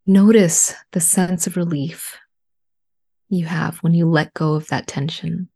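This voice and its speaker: A woman leading a guided relaxation in a soft, soothing spa whisper, hushed, breathy and gentle. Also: on the low side, fairly even intonation, measured pace.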